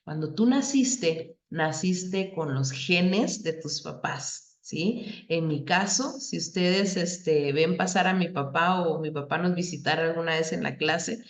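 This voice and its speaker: A middle-aged woman teaching a Bible class, explaining patiently and asking the class questions. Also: lowish voice. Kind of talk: Bible lesson. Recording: echoey room, dull lo-fi sound.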